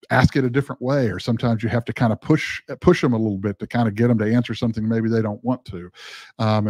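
Guy presenting a webinar, talks fast w/ lots of ums, dry close sound. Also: lowish voice, a little mellow, no room sound. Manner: fast talking, frequent fillers and restarts. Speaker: guest speaker.

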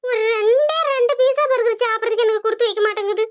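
A voice artist voicing a greedy, self-pitying old grandmother who is a sharp-tongued mother-in-law in a cartoon. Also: very high voice, quick pace, muffled recording. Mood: indignant. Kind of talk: Tamil cartoon dubbing.

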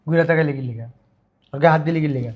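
Brief: actor as a stern elder brother, firm and scolding, slightly high voice. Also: male voice, rapid-fire, muffled recording, very noisy, close to an everyday voice. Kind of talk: village family drama acting.

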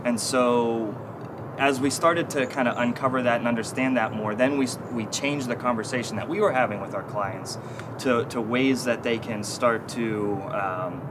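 Man, 30s, consultant guest, mid pitch, halting and thoughtful, outdoor city noise. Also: steady tone. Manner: thoughtful, many fillers and restarts. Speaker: consulting team lead, guest. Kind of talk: corporate interview. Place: outdoor stone bench in an urban courtyard.

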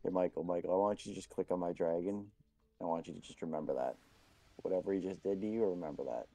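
Young man, very low voice, gravelly, mellow, laid-back gaming chat, faint music. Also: fast. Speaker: gamer chatting with a friend.

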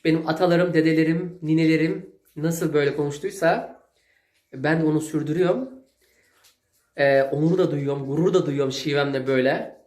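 A man speaks in a broad Zonguldak Turkish dialect, talking to camera in a rambling, folksy way. His voice sits a little higher than most men's. The sound carries a roomy echo. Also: fairly even intonation, fairly quick. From Zonguldak, Turkey. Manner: folksy, rambling, with long shout-outs to viewers. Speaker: cooking vlogger. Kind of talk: casual chat to camera.

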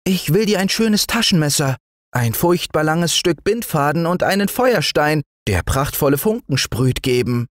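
A man's voice: fairly high pitch, animated, moderate pace, no room sound, studio quality, pitched above the performer's own voice, lightly acted. A man voicing a stubborn, curious young boy in a bedtime storybook. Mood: eager. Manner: defiant, eager. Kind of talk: storybook reading.

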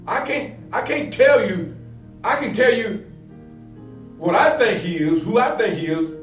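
Middle-aged male pastor, high voice, preaching with repetition, distant and roomy over faint music. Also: lively intonation, unhurried. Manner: repeats phrases, builds to emphatic peaks. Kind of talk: sermon-style Bible lesson.

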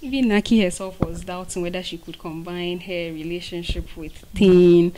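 A young woman with a Ghanaian accent puts questions to a guest as interviewer. Her voice is soft-edged, dark and relaxed, pitched a little low. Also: moderate pace, rough recording. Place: indoors on a sofa by shelves of mugs. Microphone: handheld microphone.

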